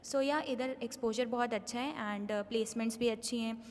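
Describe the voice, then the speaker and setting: A woman's voice: on the high side, moderate pace. A young woman in her twenties from Uttar Pradesh, a third-year student speaking articulately in a casual interview, mixing Hindi and English. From Uttar Pradesh, India. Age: 20s. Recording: echoey room with faint ambience.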